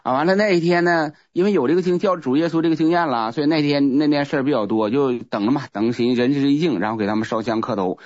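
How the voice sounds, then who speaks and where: Fast-talking man. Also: mid-range voice, a little mellow, no room sound. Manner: rambling, repeats words, restarts often. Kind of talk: casual spoken testimony. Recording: muffled lo-fi recording.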